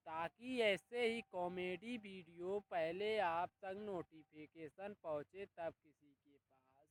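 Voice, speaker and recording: Male channel host, high and slow, upbeat outro read. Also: poor audio. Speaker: comedy video creator.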